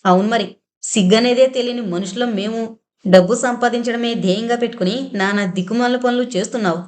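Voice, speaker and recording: A woman's voice: fairly high pitch, fast talker, lightly acted. Woman voicing a fiery scolding young woman. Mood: angry. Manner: sharp, scolding, sarcastic. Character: fiery young woman Vijaya, quick-tempered elder sister.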